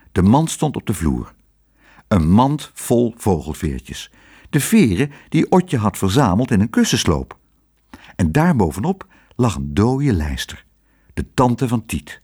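A man reads a children's story aloud with a husky, breathy voice. His delivery is animated, rising and falling widely as he tells the tale. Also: lowish voice, measured pace. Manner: expressive, animated reading.

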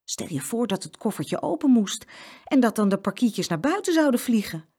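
A woman's voice: fairly high pitch, sing-song, moderate pace, mellow, slightly rough, voice pushed up. A woman doing an eager little girl. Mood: nervous.

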